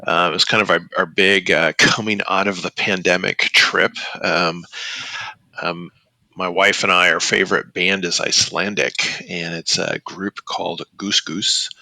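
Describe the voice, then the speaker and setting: A man's voice: low voice, steady tone, a little slow, gravelly, sharp tone, no room sound, poor audio. A middle-aged man hosting a podcast in casual chat, rambling and hesitant with many fillers and restarts. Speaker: podcast host.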